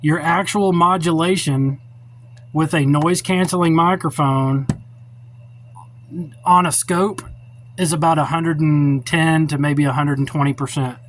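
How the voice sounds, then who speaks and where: A middle-aged man, a radio hobbyist, gives a how-to tutorial off the cuff in a blunt, opinionated, plainspoken style. He speaks at a measured pace with long pauses, his voice a bit bright, steady and on the high side. The sound comes from a noisy cell phone held or set up while filming.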